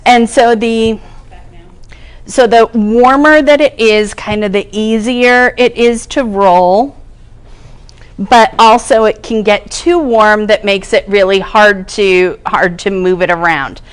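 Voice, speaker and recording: A woman's voice: medium pitch, takes it slowly, clean tone. A woman cooking instructor giving a casual demonstration in a kitchen classroom, chatting through each step as she works. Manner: chatty, explains each step while working.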